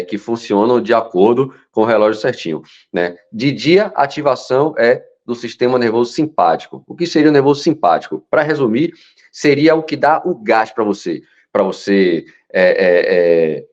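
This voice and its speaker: Low-voiced hypnosis teacher. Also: male voice. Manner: animated storytelling, drops to a soft slow voice to show calm. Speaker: hypnosis instructor. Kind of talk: teaching a course lesson. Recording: dull lo-fi sound.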